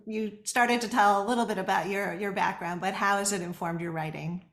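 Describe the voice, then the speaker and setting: A woman's voice: medium pitch, fairly even intonation, a little fast, fairly bright tone. A woman from Rhode Island moderating a panel, asking short conversational questions. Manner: conversational, brief prompting questions. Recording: echoey room.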